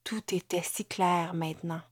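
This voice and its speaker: A woman narrating an audiobook in a measured way, sometimes sinking to a whisper. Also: on the low side, steady tone, slightly rough, no room sound, studio quality.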